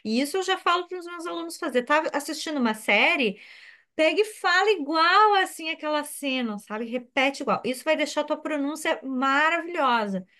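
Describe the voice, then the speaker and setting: A woman, an English teacher explaining as a guest on a video call, chatty and lively with playful imitations. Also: high-pitched, moderate pace.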